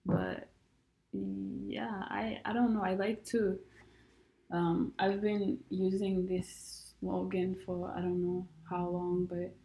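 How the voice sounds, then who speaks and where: On a rough recording, a young adult guest, a college student from Rwanda and non-native English speaker, talks casually. She has a slow, gravelly, medium-pitched voice and is soft-spoken and hesitant, using many fillers and restarts.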